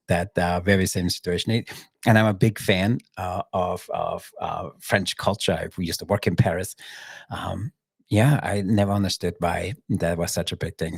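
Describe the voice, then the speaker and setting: A man's voice: deep voice, creaky, slightly rough, dry recording, studio quality. A man hosting a podcast interview, asking rambling questions with restarts. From Austria. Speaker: podcast host. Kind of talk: casual interview.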